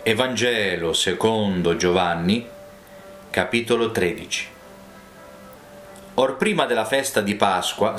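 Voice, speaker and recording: A man reading scripture aloud in a measured, solemn way. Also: lowish voice. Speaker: Bible reader. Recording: roomy, with faint music.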